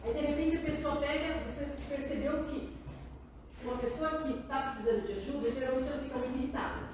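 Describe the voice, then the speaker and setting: High-voiced woman lecturing in an echoey hall. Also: brisk, background noise. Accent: Brazilian Portuguese. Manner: warm, conversational, asks the audience often. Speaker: psychoanalyst giving a talk. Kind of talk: public talk answering audience questions. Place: large meeting hall. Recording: very echoey hall, voice far from mic.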